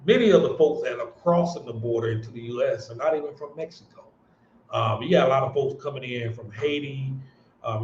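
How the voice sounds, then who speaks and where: A man's voice: medium pitch, a little hiss or hum. An American man hosting a casual livestream, talking earnestly with lots of restarts and fillers. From United States. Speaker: livestream host. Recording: roomy, dull-sounding stream audio.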